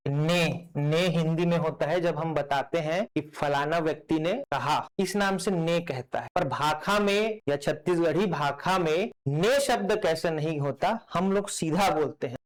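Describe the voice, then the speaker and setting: A man with a Chhattisgarhi accent giving a classroom lecture, animated and repeating words to drill their pronunciation. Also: on the high side, measured pace, few pauses, low-quality recording. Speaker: teacher.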